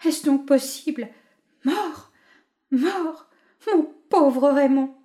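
A woman doing a young wife in a storybook, overcome with grief. Her voice climbs high and loud and keeps cracking with distress. Every line sounds close to tears. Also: very slow. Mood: grieving. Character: young grieving wife, frantic and tearful.

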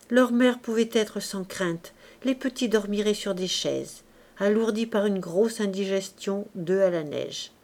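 Measured and expressive, a woman's mid-range narration carries this classic novel in audiobook form.

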